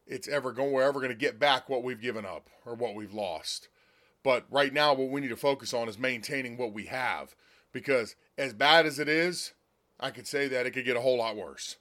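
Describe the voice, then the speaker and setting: An American man with a raspy, slightly hoarse smoker's rasp, giving blunt, folksy political commentary as a solo host. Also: mid-range voice, a bit bright. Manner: blunt, folksy, emphatic with repetition. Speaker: political talk show host.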